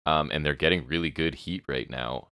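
Male co-host with an extremely low, bassy voice, dry sarcastic takes, dry close recording. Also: moderate pace, sharp tone, clean tone, dry recording. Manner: sarcastic, opinionated commentary. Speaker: podcast co-host. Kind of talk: casual wrestling chat.

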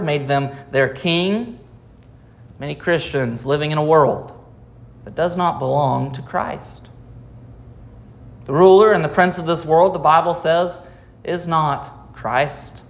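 An American man, a pastor, preaching a sermon with dramatic pauses and rhetorical questions. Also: a little high. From United States.

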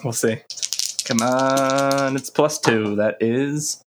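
A man of average pitch plays a tabletop game. He talks casually, describing his character's actions in an everyday way. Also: slow, slight background noise.

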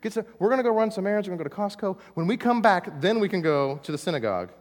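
A man voicing exasperated companions who tell their friend to keep quiet, in a raised, casual voice. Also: sits high, animated, very fast, long reverb tail, pitched above the performer's own voice. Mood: nagging. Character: exasperated male companions, nagging.

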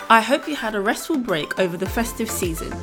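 A woman's voice: medium pitch, expressive, fairly bright tone, faint music behind. A woman hosting a podcast, talking casually with a friend and often searching for her words. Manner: chatty, searches for words with fillers and quick apologies. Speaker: podcast host.

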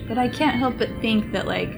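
A woman's voice: on the high side, brisk, creaky, poor audio. Rambling woman in casual chat. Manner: rambling, stream-of-consciousness, swears casually. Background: background music.

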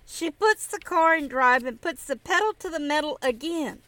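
A woman's voice: high-pitched, lively intonation, moderate pace, a bit bright, no echo. A woman giving a church message, telling a story and often chuckling as she goes. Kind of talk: storytelling sermon.

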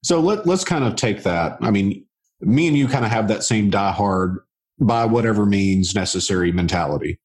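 A man hosting a real estate podcast, chatting in a relaxed way with lots of casual fillers. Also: lowish voice, moderate pace. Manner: relaxed, chatty, many fillers like "you know". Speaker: podcast host. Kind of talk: casual interview chat.

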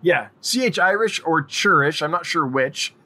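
A man's voice: a little high, expressive, moderate pace, bright, forceful tone. A middle-aged man hosting a casual live-stream Q&A, chatty and friendly, rambling as he answers viewers' questions. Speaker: livestream host.

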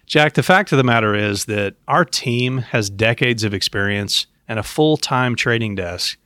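On his podcast, this investment professional gives advice straight to his co-host and listeners. His medium-pitched, slightly bright voice is expressive and moderately paced, captured dry in studio quality.

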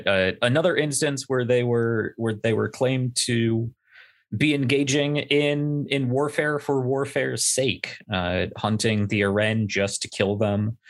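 Man, tabletop player, slow recap, low voice. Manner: slow, searching for words. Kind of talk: casual recap.

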